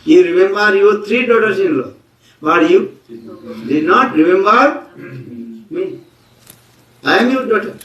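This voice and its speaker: A woman's voice: mid-range voice, expressive, slow pace, pauses often, fairly bright tone, roomy sound, distant mic, highs cut off, voice pushed up. A man voicing a sulky young girl who reproaches her father for forgetting her, in a pleading, hurt tone.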